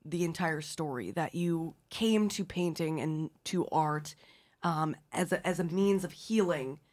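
A woman radio host with a slightly low voice, recorded very dry and close. She speaks conversationally, as a presenter does on air. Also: unhurried, darkish tone, no echo.

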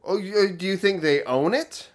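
A man co-hosting a podcast, talking in a wry, analytical, deadpan way in casual chat about a cartoon episode. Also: sits high, normal speed. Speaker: podcast co-host.

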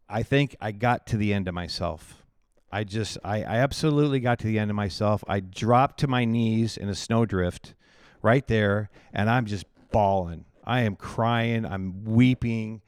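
A man's voice: fairly low pitch, smooth, dry recording, studio quality. A male pastor telling his life story in an interview, candid and chatty, often laughing at himself.

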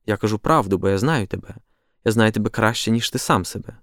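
A man reading the part of a calm, doubting apostle who speaks in a measured, reflective way. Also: lowish voice, dry recording, studio quality.

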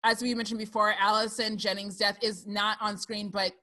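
A woman co-hosting a casual movie discussion, animated and sarcastic, laughing often as she talks. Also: mid-range voice, moderate pace. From lives in Burbank, Los Angeles area. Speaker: podcast co-host.

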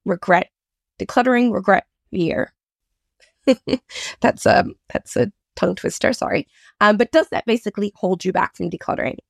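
A woman hosting a casual solo podcast, self-deprecating, with a slightly croaky voice left over from a chest infection. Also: medium pitch, no room sound, clean studio sound. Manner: self-deprecating, chuckles at herself. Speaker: podcast host.

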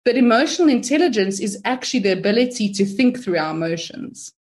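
A woman, a guest in a casual interview, talking in a chatty, animated way and acting out her own inner thoughts. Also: a little high, fast talker. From South Africa.

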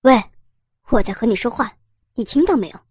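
A woman's voice: medium pitch, normal speed, slightly rough, no room sound, clean studio sound, voice pushed down, close to an everyday voice. A woman putting on a bossy angry chairman. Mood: indignant. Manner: indignant, bossy. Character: angry rich male company chairman.

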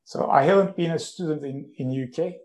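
A company founder from Turkey answers interview questions about his work, explaining in a measured way and occasionally restarting a phrase. His voice is a little high, mellow and warm rather than bright.

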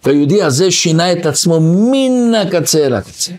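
Lively high-voiced rabbi telling stories. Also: male voice. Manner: animated storyteller who acts out quoted voices. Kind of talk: Torah lesson with anecdotes.

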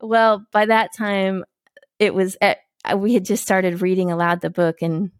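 A woman's voice: medium pitch, fairly even intonation, a little slow, no room sound, clean studio sound. A woman in her forties, a guest telling a family story in casual chat, laughing often and acting out the quotes.

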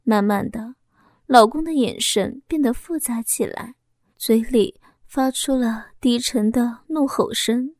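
A narrator reads a first-person audio story in a fairly high voice, soft, steady and unhurried. The sound is dry and close, without room echo.

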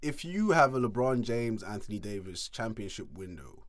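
A man co-hosting a casual basketball podcast, mocking a player with animated rants and frequent laughter. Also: on the low side, moderate pace, slight background noise. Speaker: podcast co-host. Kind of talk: casual sports chat.

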